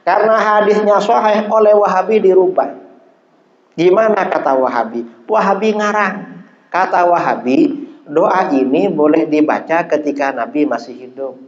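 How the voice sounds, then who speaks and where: Animated male preacher in an echoey hall. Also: sits high, normal speed. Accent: Indonesian. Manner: animated storytelling, rising sharply for emphasis. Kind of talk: sermon. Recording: echoey hall, dull sound.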